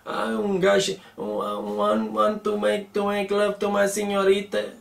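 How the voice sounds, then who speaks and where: A man's voice: high voice, unhurried, vocal fry, voice pushed up, heavily acted. A man voicing a wounded Mexican man who pleads in broken English. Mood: pleading. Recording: roomy, distant mic.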